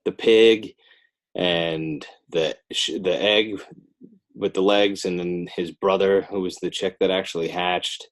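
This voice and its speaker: A deep-voiced American man from northern New Jersey, an author and illustrator, appears as a podcast guest and takes things slowly in a steady tone. His talk is a casual interview chat, rambling and full of self-deprecating jokes.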